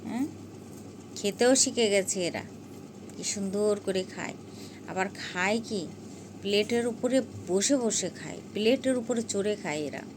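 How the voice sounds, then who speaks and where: A woman's voice: medium pitch, normal speed, pauses often, background noise. A woman talking fondly in a casual home vlog, chatting and coaxing her pets with repeated calls. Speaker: cat owner vlogger.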